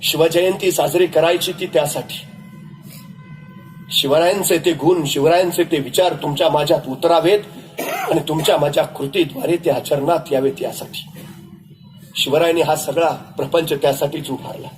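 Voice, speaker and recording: A man's voice: a little high, moderate pace, slight background noise, low-quality recording. A man giving a dramatic, rousing storytelling speech as a motivational speaker.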